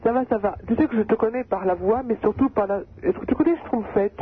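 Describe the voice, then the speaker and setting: A woman's voice: a little high, quick pace, a little hiss or hum. Chatty woman caller on phone. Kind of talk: phone-in chat. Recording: tinny phone line.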